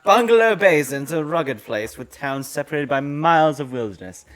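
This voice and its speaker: A man's voice: on the high side, animated, normal speed, a bit bright. [name], a man voicing a hearty station chief. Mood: welcoming. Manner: welcoming, chatty, stumbles over his read-out lines. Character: friendly male telepost station chief. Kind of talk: reading game dialogue aloud on a livestream.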